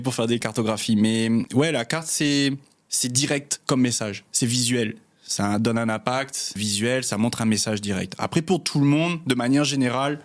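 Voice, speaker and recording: A young man talks casually as an interview guest. His voice sits at an ordinary middle pitch, and he rambles gently with fillers and easy laughs. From Réunion. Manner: relaxed, many fillers, laughs easily. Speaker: guest, cartographer.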